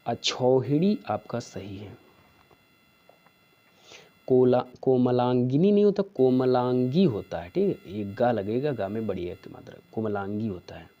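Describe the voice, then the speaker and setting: A man teaching a spelling lesson for exam preparation, going slowly through each answer and checking in with "theek hai". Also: mid-range voice, lively intonation, highs cut off. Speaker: Hindi teacher.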